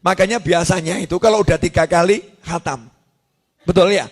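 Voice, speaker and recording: A man's voice: sits high, a little fast. A man preaching an Islamic sermon, telling a prophet's story with acted-out voices and jokes aimed at the women in the audience. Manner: lively storyteller, acts out quoted voices, jokes with the women listeners.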